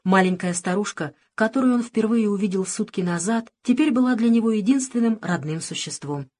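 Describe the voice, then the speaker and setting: Woman reading a story out loud, calm and even, mid pitch for a woman. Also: fairly quick. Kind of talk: scripted narration.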